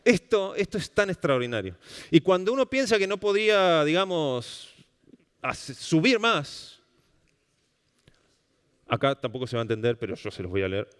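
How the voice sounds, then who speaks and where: A man's voice: on the high side, moderate pace, long pauses, smooth. Argentine man lecturing in a hall. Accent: Rioplatense Spanish. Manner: animated, questioning the audience often. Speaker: speaker giving a public talk on language. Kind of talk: public lecture. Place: lecture hall at a cultural center. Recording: long reverb of a hall.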